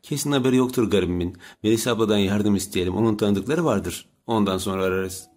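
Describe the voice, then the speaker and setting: A man's voice: fairly low pitch, fast talker, darkish tone, lightly acted. A man voicing a blunt, protective young man in an audiobook, talking urgently. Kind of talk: audiobook character reading.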